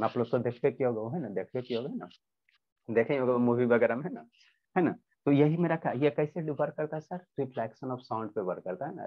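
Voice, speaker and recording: A man teaching a science lesson over a video call. He asks questions and answers them himself, repeating each point several times. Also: mid-range voice. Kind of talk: online class lecture. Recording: dull lo-fi online class audio.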